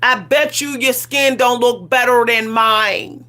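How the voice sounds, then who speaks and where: On her livestream, a woman in her 40s vents with plenty of sass, laughing often and circling back over the same points in everyday language. She speaks slowly, her voice a little high with a sharp tone.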